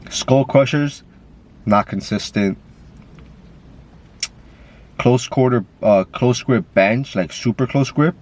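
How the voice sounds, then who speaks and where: A vlogger with a stuffy nose rambles casually while driving, filmed on a camera and picked up by the camera mic. His voice is lowish and darkish, and he uses lots of fillers and swearing.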